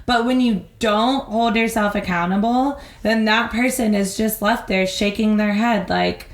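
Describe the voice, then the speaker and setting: A woman co-hosting a podcast in casual chat, talking in an animated way and acting out little scenes. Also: on the high side. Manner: animated, acts out little scenes in quick voices. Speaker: podcast co-host. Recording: roomy echo.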